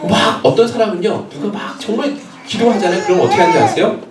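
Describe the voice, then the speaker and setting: A male pastor delivering a sermon, lively and loud, shouting out prayers as he tells the story. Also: high-pitched, fast talker, a loud crowd. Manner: animated, shouts and acts out prayers. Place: church sanctuary. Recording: roomy church hall, voice from a distance. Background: congregation reading along.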